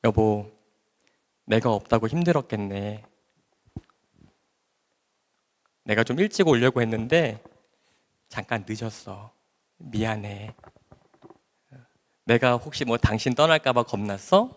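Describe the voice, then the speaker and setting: A gentle older wife and mother speaks in a soft, soothing voice, as a man puts her on. The line is lower and quieter than the speaker's own talk. A long reverb hangs after every word. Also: expressive, unhurried, pauses often. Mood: tender.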